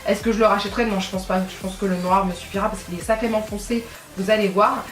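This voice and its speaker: A French woman beauty vlogger talks fast in a mid-range voice with fairly even intonation, chatting her way through a makeup tutorial. She rambles, keeps correcting herself, and fills gaps with fillers. The recording comes from a distant mic in an echoey room, slightly off-mic, with faint music behind.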